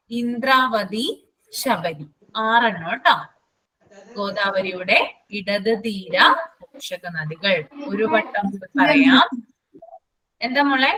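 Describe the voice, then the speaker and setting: A woman teacher, running a live online class and repeating lists slowly so students can write them down. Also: a little high, sharp tone, a little hiss or hum, low-quality recording.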